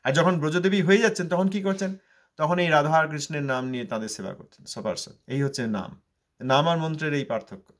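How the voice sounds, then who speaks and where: A man gives a religious discourse on a sacred text. He chants each verse slowly, then explains it in plain speech. His voice sits a little high for a man. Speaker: scripture teacher.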